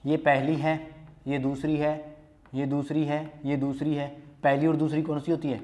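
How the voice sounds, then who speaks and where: A man's voice: fairly high pitch, level tone, moderate pace, dark tone. Man teaching, answering his own questions. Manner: asks questions and answers them himself, repeating key terms. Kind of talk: Hindi grammar lesson, solving quiz questions.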